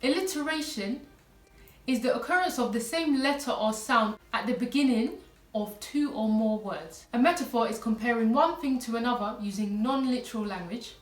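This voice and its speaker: A woman English teacher explains her lesson clearly and patiently, one step at a time. Her voice sits somewhat high. She is recorded a little away from the microphone in a room with noticeable echo. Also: normal speed, recorded from a distance, soft background music. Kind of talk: online lesson. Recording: echoey room, voice a little off-mic.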